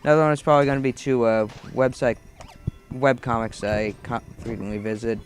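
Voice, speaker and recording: A man giving casual let's play commentary over gameplay, rambling through tangents and game trivia, with sudden excited outbursts at the screen. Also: medium pitch, fairly quick, faint music behind. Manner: bursts of excited shouting at the game.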